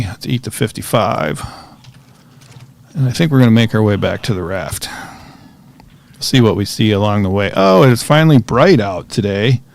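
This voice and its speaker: Gravelly man, lowish voice, laid-back gameplay commentary, self-talk. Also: no room sound. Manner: relaxed, chatty, talks to himself while playing. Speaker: gaming streamer.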